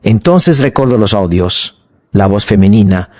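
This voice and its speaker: A man narrating a fictional crime story in a calm, measured documentary style. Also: on the low side. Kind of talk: scripted true-crime narration.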